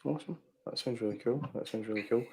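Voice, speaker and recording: A man's voice: mid-range voice, quick pace, warm tone, husky. A man hosting a casual livestream chat, easygoing and full of filler sounds. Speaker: host.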